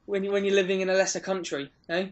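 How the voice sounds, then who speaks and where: A man's voice: high voice, flat delivery, fast, lo-fi sound. A man, a fitness coach, hosting a casual interview in a friendly, joking way.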